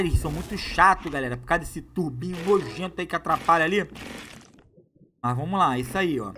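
A man doing excitable, slangy live gameplay commentary as a gaming YouTuber, hyping up his viewers. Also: sits high.

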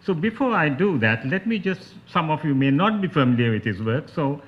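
A man's voice: fairly high pitch, very animated, a little fast. A man with a Sri Lankan accent giving an academic talk as a panelist, in a scholarly, explanatory manner. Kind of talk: spoken academic lecture. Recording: dull, lo-fi talk recording.

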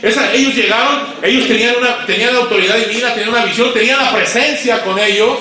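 A man preaching a sermon to pastors, swinging between loud emphatic peaks and low quiet asides and asking the audience questions. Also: fast talker. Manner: asks the audience questions and waits for replies. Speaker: guest pastor. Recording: echoey hall, voice far from mic.

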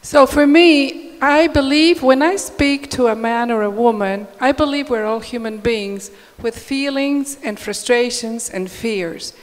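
A woman's voice: a little high, unhurried, few pauses. A woman speaking as a panelist on a conference stage, upbeat and emphatic, into a handheld mic. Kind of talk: panel discussion answer. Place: large conference hall stage. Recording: reverberant hall.

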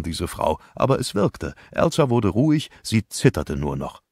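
A man reading an audiobook in scripted first-person narration, measured and grave. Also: on the low side, vocal fry, dry recording.

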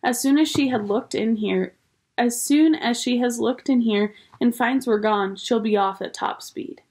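A woman's voice: fairly high pitch, measured pace, a little mellow. A woman voicing an anxious, sensible young girl. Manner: urgent and worried.

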